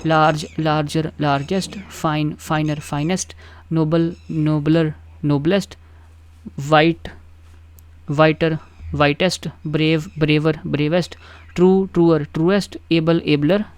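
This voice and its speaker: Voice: mid-range voice, little pitch movement, measured pace, smooth, no echo. A teacher gives a patient, explanatory grammar lesson. The teacher steps through word lists one by one and checks in often with the class.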